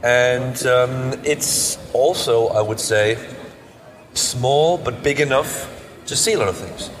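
A man's voice: medium pitch, slow pace. A man from Europe chatting casually as a podcast co-host, emphatic and often repeating words for stress. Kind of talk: casual car show discussion. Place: indoors at an auto show stand. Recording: echoey hall with crowd chatter.

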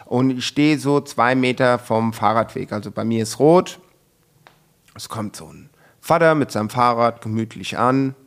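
A man's voice: mid-range voice, moderate pace. A young man co-hosting a casual podcast, telling a story with lots of slang and acting out the quotes. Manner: animated storytelling, acts out quotes, filler-heavy slang. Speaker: podcast co-host.

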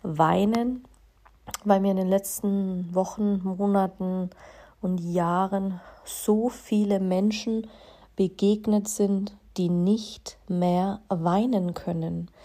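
An earnest, heartfelt woman hosting her podcast, her voice mellow and warm. She talks in a loose, casual monologue, often pausing on fillers and restarting her words. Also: mid-range voice, level tone. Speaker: podcast host.

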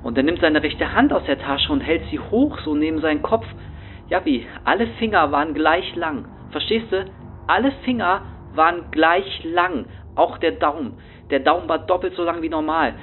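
A man's voice: fairly high pitch, lively intonation, normal speed, faint music behind, natural voice. A man playing a rattled young homeless man who rambles anxiously in street slang, as a first-person horror story monologue. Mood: shaken. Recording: tinny phone-like sound.

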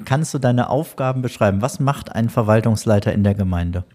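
A man's voice: lowish voice, a little fast, a little mellow. A man hosting a podcast interview, introducing his guest and asking questions.

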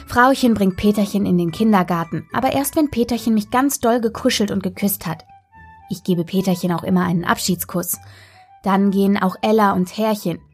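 A woman reading a children's story aloud in a gentle, playful way, narrating as a dog in the first person. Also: medium pitch, husky.

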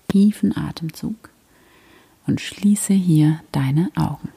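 A woman guiding a prayer meditation in a soft, breathy whisper, gentle and soothing. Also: low voice, slow pace.

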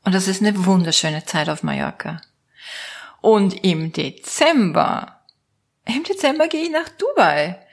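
A woman's voice: mid-range voice, big pitch swings, unhurried. A woman from Austria with an Austrian German accent, musing aloud to her viewers in a playful, casual monologue as a network marketing coach. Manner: playful, musing aloud, switching between options.

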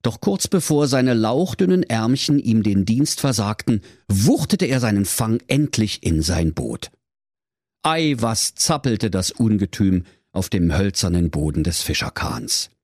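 A man's voice: on the low side, expressive, a little slow, a little mellow, no echo, clean studio sound. A man narrating a comic radio fairy tale in a mock-solemn storytelling manner.

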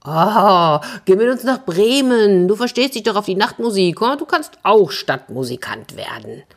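Woman voicing a donkey, good-natured, coaxing, breathy tone. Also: mid-range voice, very animated, moderate pace, pitched above the performer's own voice. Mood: encouraging. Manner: cheery, persuasive.

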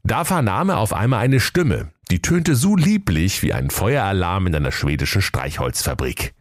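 A man's voice: deep voice, moderate pace, no echo, clean studio sound. A man with a northern German accent narrating a comic fairy tale in a playful way. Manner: playful, animated. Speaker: storyteller.

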